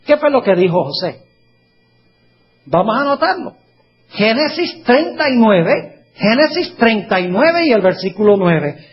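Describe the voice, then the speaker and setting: A man preaching a sermon, reading scripture slowly and putting questions to his listeners. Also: high voice, slightly rough. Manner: asks the audience questions, reads scripture slowly. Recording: dull lo-fi recording.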